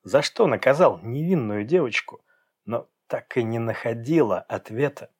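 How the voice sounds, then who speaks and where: A man's voice: mid-range voice, animated, normal speed, darkish tone, slightly rough. Man reading an audiobook steadily. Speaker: narrator. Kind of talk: scripted audiobook narration.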